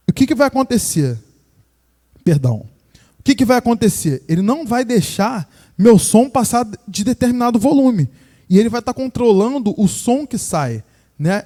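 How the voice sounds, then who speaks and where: A Brazilian man with a fairly high yet mellow voice runs a hands-on class for a room of listeners. He explains in a relaxed, chatty way and keeps checking that people are following along. The sound is dry and close, with no room echo. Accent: Brazilian Portuguese. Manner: casual and explanatory, checks in with tag questions. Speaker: sound course instructor. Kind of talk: live hands-on demonstration lesson. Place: room with a live audience and a sound system.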